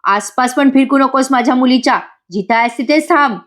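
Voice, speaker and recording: A woman's voice: high-pitched, fairly quick, a bit bright, voice pushed up. A woman reading the lines of a protective middle-aged mother in a serial recap, stern and scolding. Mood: furious.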